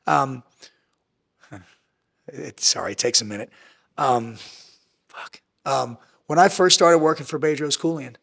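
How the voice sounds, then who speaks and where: A man's voice: medium pitch, gravelly, a bit bright. A man speaking as a guest in a candid podcast interview, blunt and intense, swearing heavily and hammering points through repetition. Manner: swings between fast bursts and slower, drawn-out phrases. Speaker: podcast guest, entrepreneur and former Navy SEAL.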